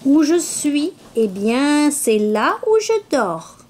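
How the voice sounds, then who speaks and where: A woman's voice: sits high, very animated, slow pace, a little mellow, a little hiss or hum, pitched above the performer's own voice, heavily acted. A woman voicing a carefree, self-assured male butterfly in a storybook read-aloud. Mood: breezy.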